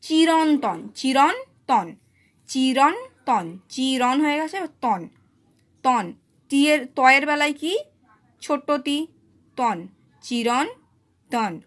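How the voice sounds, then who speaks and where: A woman teacher giving a phonetics lesson, sounding words out slowly syllable by syllable, recorded on a phone she holds in one hand. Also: high-pitched, sing-song, a bit bright. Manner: slow syllable-by-syllable pronunciation drills. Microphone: phone held in one hand.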